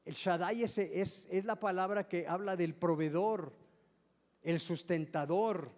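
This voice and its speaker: A man's voice: high voice, measured pace, a little mellow, in a large hall. A man preaching a sermon as pastor, explaining step by step, often repeating and restarting words and asking the congregation questions. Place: church service hall.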